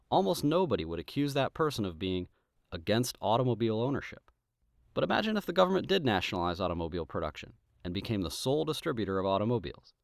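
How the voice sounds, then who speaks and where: Animated male commentator in a dry recording. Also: mid-range voice, no room sound. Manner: emphatic, rhetorical. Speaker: political commentator. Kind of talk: scripted argumentative video essay.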